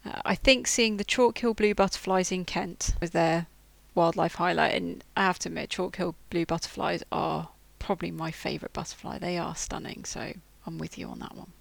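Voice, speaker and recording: Croaky, husky woman co-host. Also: fairly low pitch, steady tone, moderate pace, hardly any pauses, dry recording. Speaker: podcast co-host. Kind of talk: casual chat.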